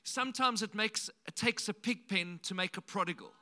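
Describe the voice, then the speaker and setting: A man's voice: high-pitched, moderate pace, sharp tone. A man preaching a sermon in a conversational way, often repeating words and saying "like" and "you know".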